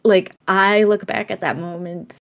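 A woman co-hosting a podcast, sharing a personal story in a reflective, searching way. She restarts her sentences often and laughs softly between her thoughts. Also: medium pitch, steady tone, a little slow, creaky. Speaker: podcast co-host. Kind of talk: casual conversation.

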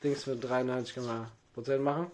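A man's voice: mid-range voice, steady tone, a little fast, a little mellow, a little hiss or hum. A man co-hosting a casual podcast chat, explaining facts in an agreeable, filler-heavy way. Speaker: podcast co-host.

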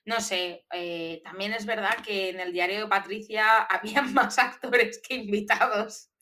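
Bright-voiced woman on a podcast. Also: medium pitch, fairly even intonation, a little slow. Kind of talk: casual podcast chat.

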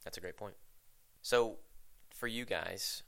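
A man's voice: lowish voice, slow pace, gravelly, fairly bright tone. A man on a church discussion podcast, putting loosely phrased, musing questions to the others. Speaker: podcast co-host asking questions.

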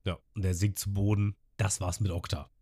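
Low-voiced man animatedly recapping an episode. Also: a little fast, slightly rough. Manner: animated retelling, acting out characters, laughs a lot. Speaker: podcast host.

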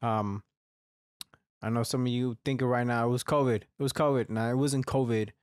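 In clean, dry studio sound, a young podcast host speaks at medium pitch with fairly even intonation and a moderate pace. His casual solo monologue wanders, restarts frequently and features heavy swearing, and his throat sounds slightly phlegmy and congested.

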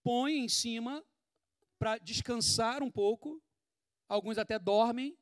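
A pastor with a Brazilian Portuguese accent preaches slowly but with animated, conversational energy, posing rhetorical questions as he goes. He sweats as he talks, and his voice is high for a man. The recording is close and dry, free of echo or room sound.

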